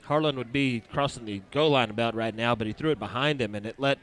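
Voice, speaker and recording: Man calling high school football play-by-play. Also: a bit bright. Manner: brisk play-calling with sponsor reads. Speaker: play-by-play announcer.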